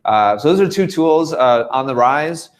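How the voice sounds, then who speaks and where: A man's voice: medium pitch, expressive, unhurried. Man hosting a live tennis chat. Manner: hesitant, frequent uh fillers and restarts. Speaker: host and tennis coach. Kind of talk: live coaching panel chat.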